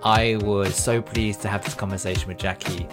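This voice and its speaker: A man opens a podcast episode with an enthusiastic introduction. His voice sits a little low. Music plays clearly beneath his words. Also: fairly even intonation, moderate pace. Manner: warm, enthusiastic praise of the guest. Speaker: podcast host. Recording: intro spoken over music.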